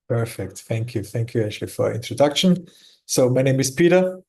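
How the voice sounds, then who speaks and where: Guest exec, man with Austrian German accent, halting speech, mellow tone. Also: mid-range voice, expressive. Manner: halting, many restarts and repeated words. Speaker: company executive guest. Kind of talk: casual interview talk.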